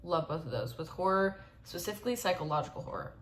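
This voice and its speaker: Young woman, lowish voice, hesitant, thoughtful. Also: expressive, quick pace, slight background noise. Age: 20s. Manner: thoughtful, hesitant, with many fillers. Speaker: film student. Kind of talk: casual self-introduction.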